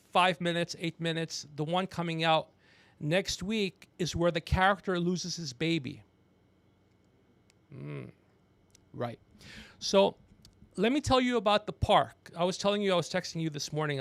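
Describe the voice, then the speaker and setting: Hosting a livestream, this comedian and podcaster meanders casually, jokes, promotes himself, and chats with someone off mic. His voice is a little high and has no echo, recorded through a podcast microphone while he wears headphones.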